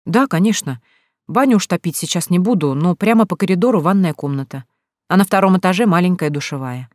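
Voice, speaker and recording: A reader voicing an older retired farmer with a grey beard who is chatty and welcoming, talking in a hearty, drawn-out way. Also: medium pitch, expressive, a little mellow, no room sound, clean studio sound, lightly acted. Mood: hospitable.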